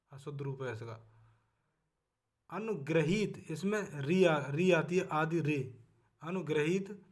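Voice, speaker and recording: A man with a Hindi accent leads a spelling lesson for exam preparation in a fairly high voice. He repeats each word as a drill, and his voice often drops away at the end of a line. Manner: drills words, often trails off softly at line ends. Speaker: exam-prep teacher.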